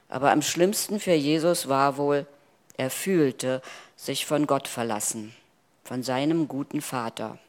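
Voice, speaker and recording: Slow, solemn male preacher. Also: medium pitch. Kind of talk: sermon.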